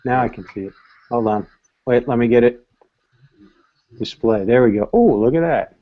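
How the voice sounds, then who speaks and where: An easygoing male host keeps a casual live-stream chat rolling with short replies and frequent laughs. His mid-pitched voice sounds dull and lo-fi, as if over an online call. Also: animated, moderate pace. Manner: easygoing, brief responses, laughs often.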